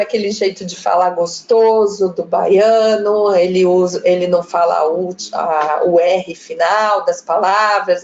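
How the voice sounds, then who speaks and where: A woman's voice: mid-range voice, a little mellow, dull audio. A woman giving a chatty live online talk, demonstrating different pronunciations. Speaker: lecturer on pronunciation. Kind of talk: live online talk, reading viewer comments.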